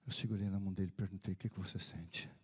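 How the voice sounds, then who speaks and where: A man's voice: low-pitched, steady tone, rapid-fire, husky. A man, a pastor, telling a deathbed story in a sermon, acting out the dialogue and dropping to a whisper at times. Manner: retells dialogue, drops to whispers and rises in bursts.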